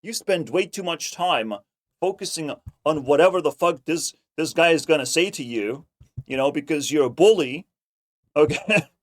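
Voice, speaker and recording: A man hosting a reaction video with casual, profane, mocking commentary and drawn-out emphasis. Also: fairly high pitch, no echo, clean studio sound.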